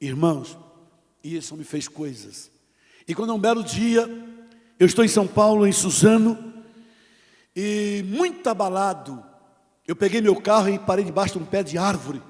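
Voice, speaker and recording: A middle-aged man with a Brazilian Portuguese accent preaches a testimony sermon, his voice sitting high for a man. He tells his story with drama, sinking to near whispers and then rising to loud cries. A long church reverb trails every phrase. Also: normal speed, long pauses. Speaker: pastor. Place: church sanctuary.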